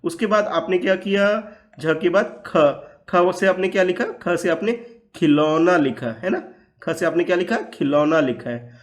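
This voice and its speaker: A man teaching a class of small children, his voice sitting a little high for a man. He talks patiently and slowly, repeating each word and asking questions back. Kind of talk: classroom lesson for young children.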